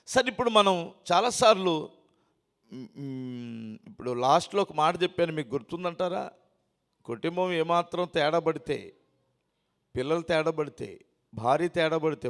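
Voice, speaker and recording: A man preaching a sermon as pastor, alternating loud emphatic declarations with quiet, lowered asides and rhetorical questions to the congregation. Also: creaky. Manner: emphatic, rising to loud declarations then dropping low. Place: church hall.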